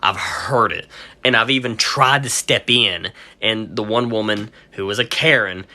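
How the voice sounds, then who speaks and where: A man's voice: lowish voice, a little slow, sharp tone. A man who owns a pet store, ranting on a casual livestream, swearing often and sounding heated.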